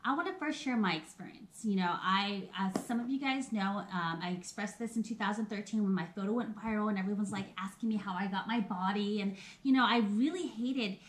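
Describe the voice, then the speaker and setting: Here the live-stream host talks fairly quickly at a medium pitch, barely pausing, while a faint hiss or hum runs underneath. She's a woman in her thirties, chatting casually and personally with viewers and laughing a lot along the way.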